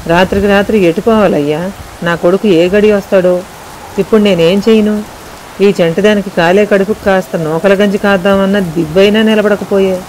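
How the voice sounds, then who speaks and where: A woman's voice: mid-range voice, steady tone, normal speed, darkish tone, slight background noise, close to an everyday voice. A woman voicing a worried poor fisherwoman mother, pleading anxiously about her son.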